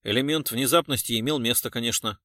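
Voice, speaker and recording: A man's voice: medium pitch, fast talker, sharp tone, no echo, clean studio sound, lightly acted. A man voicing a formal male army engineer major who answers in clipped military phrases.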